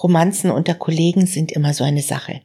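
A worldly old baron, as a woman reader puts him on, gives fatherly warnings in a low, husky voice. He sounds calm and measured in this audiobook reading. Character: older male baron, a wise worldly mentor.

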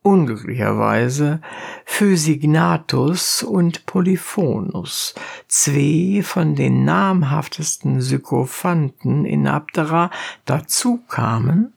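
A woman narrating a classic tale in a measured, deliberate audiobook reading. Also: low-pitched, expressive, gravelly, darkish tone, breathy edge.

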